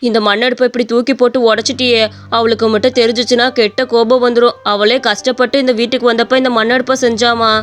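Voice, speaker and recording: Woman putting on a worried old mother-in-law for a cartoon, lower and softer than her usual, talks fast. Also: little pitch movement, lightly acted. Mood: placating. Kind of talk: cartoon story voice acting.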